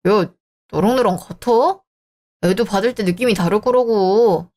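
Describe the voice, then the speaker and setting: A woman's voice: medium pitch, measured pace, darkish tone, lightly acted. A woman voicing a selfish young married man who talks in a dismissive, irritated way, in a dramatized story. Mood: scornful.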